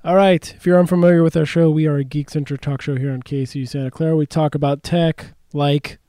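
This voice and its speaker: A man hosting a casual radio talk show from a studio, chatty and quick to laugh. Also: on the high side, fairly even intonation, warm tone, clean tone, no echo. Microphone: studio mic with headphones.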